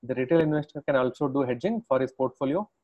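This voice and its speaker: A man's voice: mid-range voice, quick pace, darkish tone. A man with an Indian accent interviewing in a conversational way, repeating short phrases. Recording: dull, lo-fi audio.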